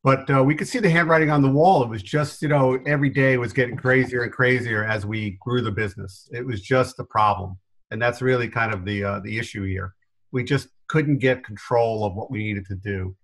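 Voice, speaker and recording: Talking a little fast in a medium-pitched voice, a middle-aged man from New York with a faded accent shares stories as a business consultant guest on a podcast. He laughs a lot and leans hard into his asides.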